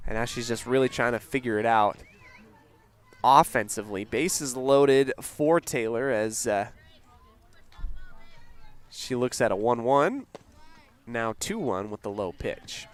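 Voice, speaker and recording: Calling a softball game on local radio, a play-by-play announcer with a mid-range voice stays calm and unhurried, dropping casual fillers. He raises his voice when big plays happen.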